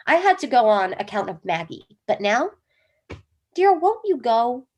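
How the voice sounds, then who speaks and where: A woman's voice: a little high, very animated, a little slow, darkish tone. A woman reading the role of an earnest wife devoted to dream analysis, with an emphatic, theatrical delivery in a comic play reading. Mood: pleading.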